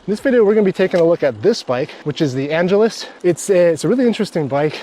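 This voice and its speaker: A man's voice: high voice, animated, racing, warm tone. A man hosting an interview outdoors while riding a bike, upbeat and chatty. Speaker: host.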